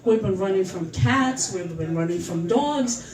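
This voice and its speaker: A woman's voice: mid-range voice, expressive, a little slow, darkish tone, natural voice. An older woman doing a weary little mouse. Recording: echoey room, far from the mic.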